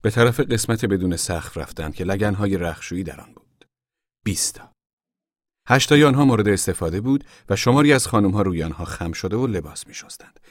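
A man reads a novel aloud in measured storytelling, his voice on the low side. His intonation rises and falls with lively movement. The sound is close and dry with no room around it. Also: no room sound. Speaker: audiobook narrator. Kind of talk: scripted narration.

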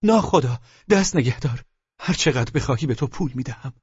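A man's voice: mid-range voice, creaky, a little mellow, slightly rough, dry recording. A man doing an eager, naive young hero. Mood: astonished. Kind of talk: audiobook reading. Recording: dull lo-fi dry recording.

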